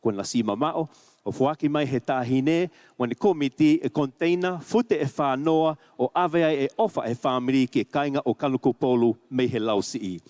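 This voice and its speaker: A man's voice: medium pitch, normal speed, a little mellow, no echo. A man with a Tongan accent speaks as master of ceremonies at a dinner, making formal, ceremonious announcements that are partly read out.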